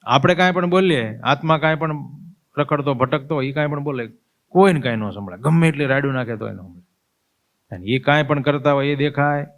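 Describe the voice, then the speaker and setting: A man's voice: mid-range voice, fairly bright tone. A man, a swami, giving a spiritual discourse as vivid storytelling and acting out scenes. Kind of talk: spiritual sermon.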